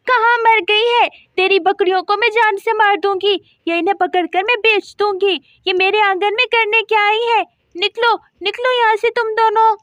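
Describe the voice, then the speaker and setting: A woman performs a bossy, scornful rich neighbor lady in a doll story, shrieking scolds and threats in a very high voice. The sound is close and dry, with no room around it. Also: sharp tone, no room sound.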